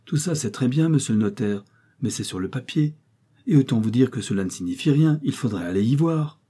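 Guy putting on a whiny stingy old man, higher voice, teary and wheedling, warm husky tone. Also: expressive, fairly quick. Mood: eager. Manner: tearful wheedling voice. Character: whining miserly old man over sixty.

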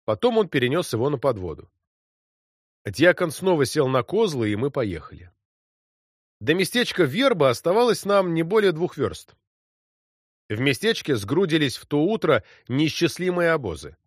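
A man reading a literary story as an audiobook, in an expressive narrating voice. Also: on the high side, normal speed, dry recording, clean studio sound.

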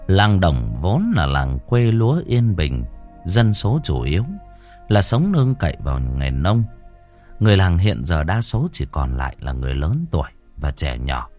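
A man narrating a ghost story in a measured, expressive storytelling manner. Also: low voice, soft background music.

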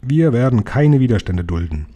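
A man's voice: medium pitch, sing-song, moderate pace, dark tone. Man putting on a spirited old grandmother. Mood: triumphant. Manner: emphatic, exclaiming.

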